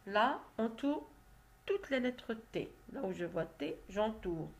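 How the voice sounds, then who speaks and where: A woman teacher going slowly through reading exercises with young pupils, carefully sounding out syllables and letters. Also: medium pitch, expressive. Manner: slow, careful, spells out syllables. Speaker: primary school teacher. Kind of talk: reading lesson, exercise correction.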